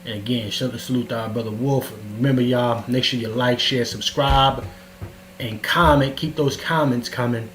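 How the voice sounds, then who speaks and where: A man's voice: medium pitch, steady tone, normal speed, fairly bright tone. A man hosting a casual livestream, hyped and calling out to his audience, his voice carrying a heavy echo like in a cave. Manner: hyped, repeats phrases, calls to the audience. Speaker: livestream show host. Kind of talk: casual livestream talk with shout-outs. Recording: echoey livestream audio with faint hum.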